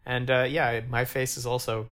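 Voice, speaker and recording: A man's voice: mid-range voice, level tone, normal speed, fairly bright tone. A man co-hosting a podcast in casual chat, blunt and swearing freely. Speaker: podcast co-host.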